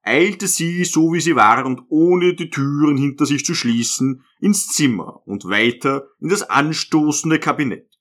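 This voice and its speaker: A man narrating a literary audiobook in a measured, even manner. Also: fairly high pitch.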